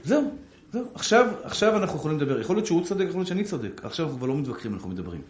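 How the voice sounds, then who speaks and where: A rabbi preaching to an audience about marriage, acting out little dialogues between spouses in changing voices. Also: male voice, on the high side, echoey room. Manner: animated, acts out short dialogues with shifting voices. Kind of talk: sermon on marriage.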